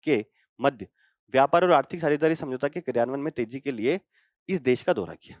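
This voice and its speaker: Teaching current affairs for exam prep, a man with a Hindi accent asks himself questions as he explains and keeps checking in with students, often saying "thik hai." His voice is mid-range, expressive and darkish, a bit quick, with no echo.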